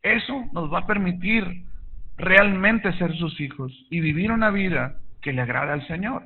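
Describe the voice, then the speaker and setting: A middle-aged pastor preaching an earnest sermon in a church, asking the congregation to repeat after him. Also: male voice, high voice, measured pace. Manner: earnest preaching with call-and-response. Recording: tinny phone-like audio.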